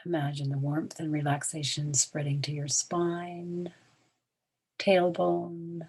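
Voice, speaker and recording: A woman serving as meditation guide leads a relaxation in a soft, soothing manner. Her breathy voice sits low and trails toward a whisper, her delivery flat, with long pauses between short phrases.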